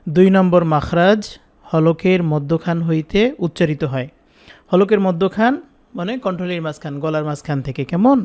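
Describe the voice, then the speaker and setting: A man teaching Quran pronunciation, patiently repeating drawn-out sounds for students to echo. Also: a little high, a little mellow. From Bangladesh. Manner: drawn-out demonstration syllables. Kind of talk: online Quran pronunciation lesson.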